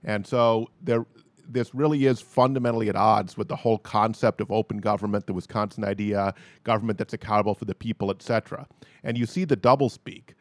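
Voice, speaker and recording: Low-voiced analytical man. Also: no echo. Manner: analytical, measured argument. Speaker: panelist. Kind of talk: political panel discussion.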